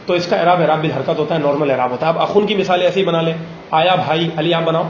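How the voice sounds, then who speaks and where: A man teaching a grammar lesson in a classroom, pausing often to ask students questions and slowing down on examples. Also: a little high, fairly even intonation, slight background noise. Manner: drills students with frequent check questions; slows down to spell out example phrases. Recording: roomy classroom echo.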